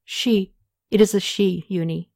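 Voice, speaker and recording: A woman's voice: medium pitch, steady tone, a little slow, gravelly, dark tone. A woman voicing a young, troubled ancient king who explains matters earnestly.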